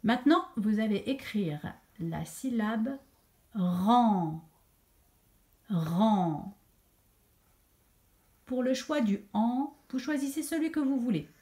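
A woman teacher giving a slow dictation lesson to young children, repeating each syllable clearly with emphasis. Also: on the high side, expressive, a little mellow. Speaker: primary school teacher.

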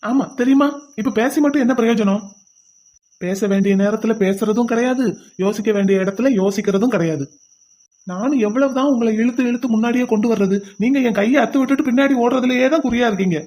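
A woman's voice: fairly high pitch, fairly quick, dark tone, lightly acted. A woman voicing a stern young husband in a cartoon who lectures and scolds. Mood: scolding. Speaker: cartoon voice actor. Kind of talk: cartoon voice acting.

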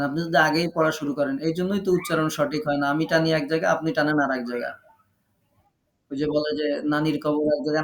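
Man teaching recitation, slow drills. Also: a little high, creaky, fairly bright tone. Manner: corrective, drills slow drawn-out phrases for repetition. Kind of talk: online recitation class. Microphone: online class audio.

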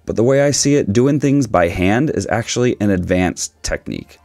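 A man in his forties with a raspy voice, giving a casual, opinionated explainer with dry humour. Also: fairly low pitch, expressive, normal speed, darkish tone, no echo. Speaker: video host, statistics teacher. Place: small dim indoor room, seated.

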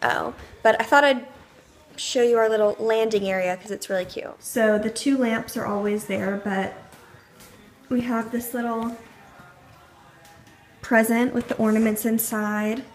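A woman's voice: on the high side, steady tone, unhurried, long pauses. A young woman vlogging at home, chatty and upbeat, rambling with fillers. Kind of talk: casual vlog chat. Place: at home, indoors.

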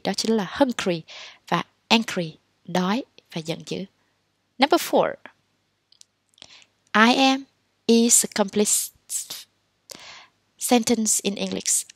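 A woman from Vietnam teaching English in a casual online lesson, explaining in Vietnamese and reading English phrases slowly. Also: mid-range voice, dry recording.

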